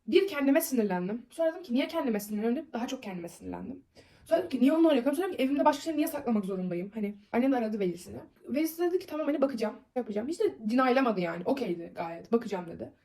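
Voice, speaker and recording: A young woman talks straight to the camera in a casual storytime vlog. Her voice sits high and she races through the telling, rambling and packing in fillers. She sounds upset and keeps venting. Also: darkish tone.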